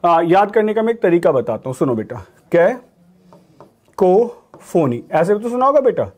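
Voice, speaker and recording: A young adult Indian man with an Indian accent who teaches exam vocabulary online and talks to students in a friendly, coaching way, reading English definitions slowly and carefully. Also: high voice, sing-song, darkish tone.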